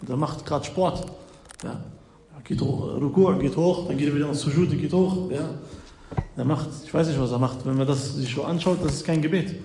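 A man's voice: fairly high pitch, normal speed, dark tone. A man giving a religious lesson, checking in with frequent "ja?" and explaining step by step. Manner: explains with frequent "ja?" checks, slightly nonstandard grammar. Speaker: preacher. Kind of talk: religious lesson retelling hadith. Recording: echoey hall with faint noise.

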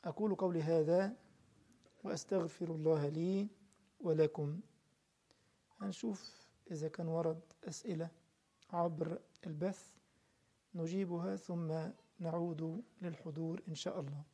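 A man's voice: on the high side, fairly even intonation, moderate pace, long pauses, mellow, slightly rough. A man with an Egyptian Arabic accent giving a religious lesson and answering questions from a live stream. He speaks earnestly, addresses his listeners directly and repeats his points. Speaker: religious teacher.

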